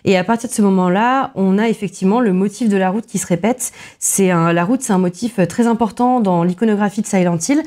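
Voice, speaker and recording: A woman co-hosting a film podcast talks through a casual film analysis in a mellow, mid-pitched voice. She comes across as a hesitant, chatty critic, full of filler pauses, restarts, and self-deprecating asides.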